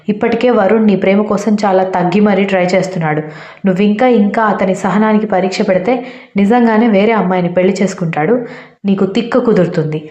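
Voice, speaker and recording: A woman's voice: mid-range voice, dark tone, lightly acted. A woman voicing a sarcastic, scolding female inner conscience in a storybook reading. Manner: mocking, scolding. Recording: roomy, slightly dull recording.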